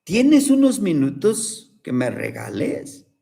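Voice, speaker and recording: A man's voice: high voice, wildly swooping pitch, takes it slowly, vocal fry, mellow, exaggerated voice. Man doing an earnest dreamer caterpillar boy. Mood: pleading. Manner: earnest, pleading storybook voice. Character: young brave male caterpillar, dreamy and pleading.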